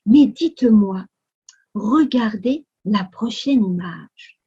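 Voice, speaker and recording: A woman with a French accent leading a children's Sunday school lesson, speaking slowly with exaggerated, exclamatory storytelling for kids. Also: medium pitch, lively intonation, warm tone, slightly rough, dull audio. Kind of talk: animated lesson for young children.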